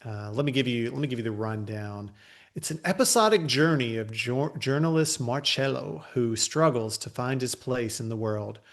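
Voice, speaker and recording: Male podcast co-host, mid-pitched, gravelly, rambling and casual. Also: normal speed. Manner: rambling, many fillers and restarts. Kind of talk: casual movie podcast chat.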